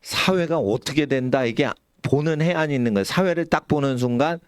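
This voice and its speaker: Lively, animated male preacher. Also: no echo, studio quality. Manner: animated, suddenly shouts or drops low, acts out quoted elders. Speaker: pastor. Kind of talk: sermon. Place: church sanctuary.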